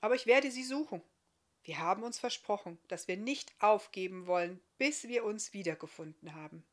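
A woman voicing a gentle, friendly blind male giant with a beard, speaking calmly in a storybook. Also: mid-range voice, moderate pace, lightly acted. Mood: earnest.

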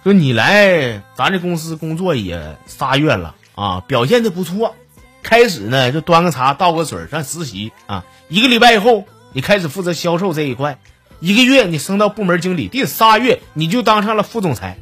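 Lively Northeastern Chinese man telling jokes. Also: fairly high pitch, normal speed, breathy edge, faint music behind. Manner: chatty, acts out voices in stories. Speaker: podcast host telling jokes. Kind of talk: casual comic storytelling.

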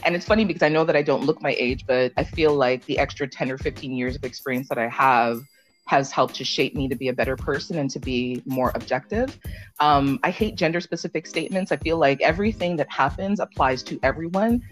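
A woman's voice: rumbling low, brisk, faint music behind. A middle-aged woman from Jamaica, a podcast guest, speaking earnestly and laughing readily in casual conversation. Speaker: podcast guest, sex and relationship content creator.

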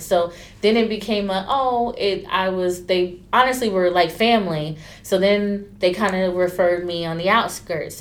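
A woman, a stylist chatting candidly in an interview and acting out quotes with lively turns. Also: sits low. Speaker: stylist and entrepreneur. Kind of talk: casual interview storytelling.

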